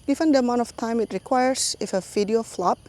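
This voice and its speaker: A middle-aged YouTube host with a Singaporean English accent chats casually with her channel's viewers in a voiceover, often laughing mid-sentence. Her voice sits on the high side, a little fast and a little mellow.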